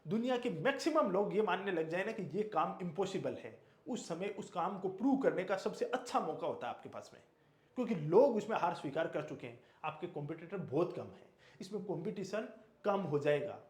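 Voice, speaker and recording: A man's voice: high voice, very animated, brisk, a little mellow, roomy sound. A man giving a motivational exam lecture, emphatic and repetitive, asking and answering his own questions. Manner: emphatic, repeats key words, asks and answers own questions. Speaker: exam coaching teacher.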